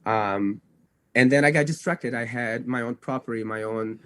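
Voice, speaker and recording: With a slightly bright mid-range voice at normal speed and no echo in the recording, a young Brazilian dog trainer tells his story on a podcast. A native Portuguese speaker, he talks casually and rambles, often correcting himself and repeatedly using "like" and "you know."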